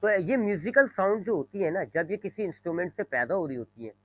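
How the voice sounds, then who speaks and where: A man's voice: high-pitched, expressive, quick pace, fairly bright tone, poor audio. A male physics teacher, giving a classroom lecture, explaining with repeated everyday examples and drawing on a board as he talks. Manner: explains with repeated examples, frequent "जी", mixes English terms; draws on a board while talking. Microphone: microphone.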